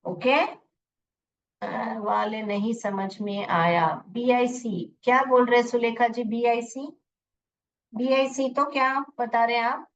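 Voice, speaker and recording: A woman's voice: fairly high pitch, steady tone, slow, distant mic, muffled recording. A woman teaching English phonics online, switching between Hindi and Indian-accented English, patiently repeating and checking if students understood.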